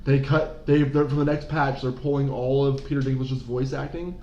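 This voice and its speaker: A man's voice: medium pitch, steady tone, moderate pace, mellow. A man co-hosting a podcast who chats casually in a rambling, profane way. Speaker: podcast co-host. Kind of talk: casual chat. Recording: roomy, dull, faint noise.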